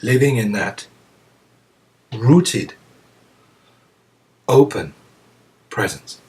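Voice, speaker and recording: Slow, pausing man. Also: on the low side, lively intonation. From France. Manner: slow, reflective, with frequent pauses and soft chuckles. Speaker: Zen teacher. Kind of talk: dharma talk to students. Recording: voice picked up from a distance.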